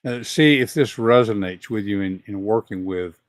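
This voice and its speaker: A man's voice: on the low side, normal speed, no echo, clean studio sound. Older Southern man hosting an interview. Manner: conversational, thinking aloud. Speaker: host.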